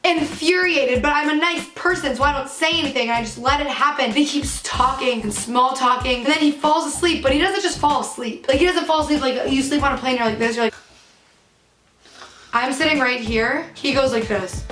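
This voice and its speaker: A young woman vlogging from her apartment, telling stories in a lively, swearing, exasperated way. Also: sits high, normal speed, slight background noise. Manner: animated, profane, exasperated storytelling. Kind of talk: casual vlog storytelling. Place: echoey apartment room. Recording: echoey room, faint music behind.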